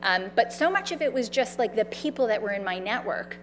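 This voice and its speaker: With background noise around her, a woman with a loud, slightly high voice tells her story on an event stage a little fast. She's conversational and animated, using fillers and quoted dialogue and impersonating the characters in her tale.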